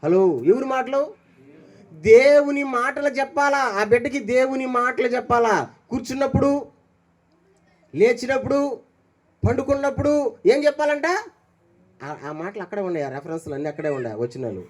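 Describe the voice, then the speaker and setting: An older man preaching a sermon as pastor, questioning his congregation and swinging between raised calls and quiet low asides. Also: normal speed, long pauses.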